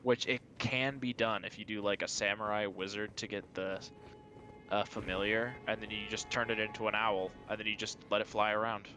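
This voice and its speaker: A man's voice: lowish voice, fairly even intonation, a little fast, pushed and bright, soft background music. Chatty guy gaming with a friend. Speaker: streamer playing co-op. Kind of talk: casual gaming chat.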